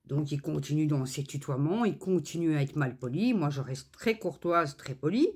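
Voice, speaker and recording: Brief: chatty woman, crafts vlogger, animated storytelling, pitch roams widely. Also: moderate pace, breathy edge. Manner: animated storytelling, many fillers and reported speech. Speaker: crafts channel host. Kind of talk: casual chat while crafting.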